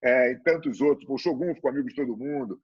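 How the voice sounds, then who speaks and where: A Brazilian man hosting a casual interview, chatty and relaxed, with lots of fillers. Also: medium pitch, quick pace, dull audio, crowd noise. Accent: Brazilian Portuguese.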